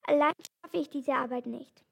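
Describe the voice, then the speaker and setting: A woman reading aloud and voicing a kind, gentle male animal doctor who asks for help. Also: high-pitched, moderate pace, creaky, dull audio. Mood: pleading.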